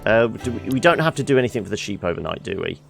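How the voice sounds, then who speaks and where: A man's voice: on the low side, expressive, fast, vocal fry, fairly bright tone. A man giving casual let's play commentary, often muttering questions to himself as he goes. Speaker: gaming video host. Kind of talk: casual let's play commentary, reading game dialogue aloud. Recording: music behind the voice.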